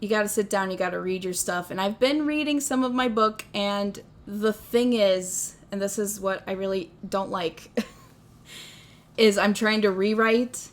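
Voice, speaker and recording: A young Midwestern American woman streamer chats casually on a livestream, rambling, poking fun at herself and laughing often. Her voice sits at medium pitch and she speaks a little slowly.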